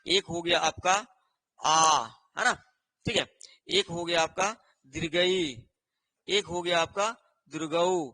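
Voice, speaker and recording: Male exam-prep tutor with a high, bright voice who repeats himself a lot and works through points on a board. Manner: repetitive, with a constant rhetorical "है ना" and "ठीक है"; explains slowly while writing on a board. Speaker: teacher. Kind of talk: online exam-prep lesson.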